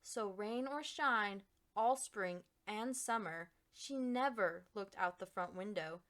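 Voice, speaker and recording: Here a woman's fairly high-pitched voice carries a children's picture book read-aloud. Her storytelling is expressive, marked by deliberate and dramatic emphasis.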